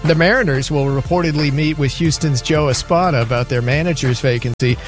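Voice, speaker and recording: On a talk radio show, a man delivers the sports update at a brisk clip, rattling off scores and headlines and slipping in the occasional dry aside. His voice is pitched slightly above average, with a faint music bed playing beneath him in this radio sports news roundup.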